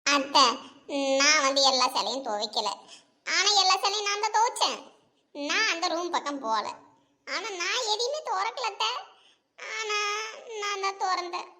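A woman's voice: very high voice, big pitch swings, normal speed, long pauses, bright, forceful tone, heavily acted. A woman voicing a confused, frightened middle-aged mother-in-law in a cartoon, whiny and pleading. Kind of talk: cartoon voice acting.

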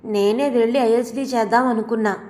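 A woman's voice: fairly high pitch, fairly even intonation, a little fast, a little mellow, natural voice. A woman voicing a meek middle-aged husband who answers in a plain, mildly pleading way. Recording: long hall reverb.

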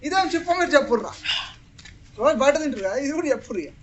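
A young man, hosting a prank vlog and teasing his friends with excitable commentary. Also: very high voice, very fast, muffled recording, a little hiss or hum. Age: young adult.

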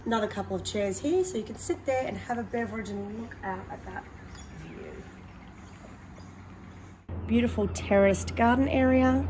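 A woman with a medium-pitched voice presents a prize home, walking through a large, empty modern house and onto its deck while cheerfully pointing out features. A handheld camera follows her at a distance, so her voice sounds a bit far off, the rooms echo, and there's background noise.

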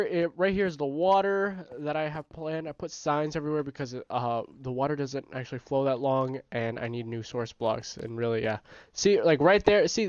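A man with a stuffy nose giving casual, rambling gameplay commentary as the host of his own gaming channel, often correcting himself and getting excited. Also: mid-range voice, no echo. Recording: dry, slightly dull home recording.

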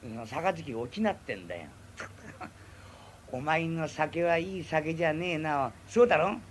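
A man voicing an easygoing townsman who coaxes and chides his drinking companion in rough, teasing Tokyo speech, in rakugo storytelling. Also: a little high, lively intonation, measured pace, a little hiss or hum, voice pushed down. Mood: coaxing. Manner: coaxing, teasing banter in rough Edo speech.

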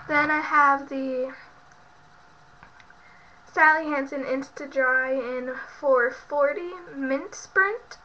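A young woman, a beauty vlogger, chats casually in her bedroom while showing off products, rambling with lots of fillers and sounding sick and congested. Her high-pitched voice has a sharp tone. It was recorded on a built-in webcam mic, so the audio is muffled and lo-fi with slight background noise.

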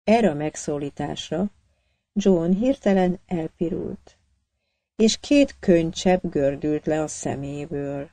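A woman narrating an audiobook in a measured, even storytelling manner. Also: deep voice, no room sound. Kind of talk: scripted narration.

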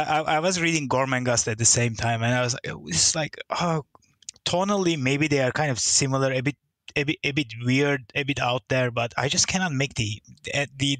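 A man's voice: mid-range voice, a bit bright, no room sound. Hesitant man from Turkey. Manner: hesitant, many fillers and restarts, laughs easily. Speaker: guest, listener. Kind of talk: casual interview over a call.

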